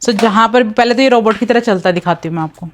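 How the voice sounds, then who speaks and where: Young mom vlogging chores, pretty high voice, chatty, phone cam at home w faint household hum. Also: female voice, quick pace. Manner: chatty, mixes English into Hindi, talks to her child between lines. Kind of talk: casual home vlog chat. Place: home, indoors, while cleaning floors.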